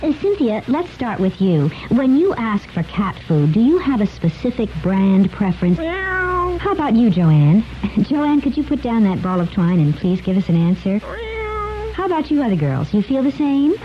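A woman's voice: mid-range voice, very animated, normal speed, lightly acted. A woman playing a chipper, sweetly patient focus-group interviewer in a comic retro radio ad. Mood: polite, chipper. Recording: dull lo-fi radio ad, faint noise.

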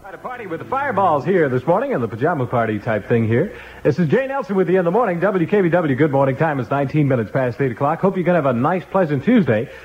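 A man's voice: fairly high pitch, very animated, fast talker. A man working as a morning radio disc jockey, with chatty, upbeat patter and a breezy announcer delivery, heard as if through a tinny pocket radio. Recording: tinny lo-fi old radio broadcast with music.

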